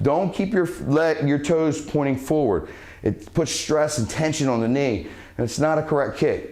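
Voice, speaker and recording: A man coaching a martial arts cardio workout, a little out of breath as he demonstrates the kicks. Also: fairly high pitch. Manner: breathes sharp huss sounds on strikes while demonstrating. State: slightly out of breath from exercising. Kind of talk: instructional workout talk.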